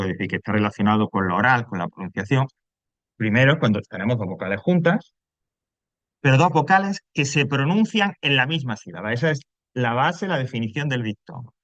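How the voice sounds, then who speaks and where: A man's voice: mid-range voice, animated, brisk, fairly bright tone, dry recording. Andalusian man as a class teacher, patient explainer who keeps checking the students follow; dull, dry sound. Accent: Andalusian Spanish. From Andalusia, Spain.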